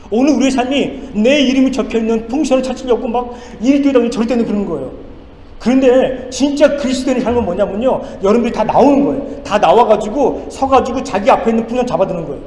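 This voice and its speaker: Emphatic middle-aged pastor in echoey hall. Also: male voice, sits high. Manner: emphatic preaching, swings between loud pleas and hushed storytelling. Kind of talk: sermon. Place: church sanctuary. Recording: echoey church hall with faint noise.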